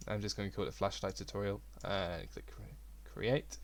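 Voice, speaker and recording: A young man giving a relaxed, rambling software tutorial at his computer. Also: lowish voice, moderate pace. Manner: relaxed, rambling, self-deprecating. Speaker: game development tutor. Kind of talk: casual screen-recorded tutorial.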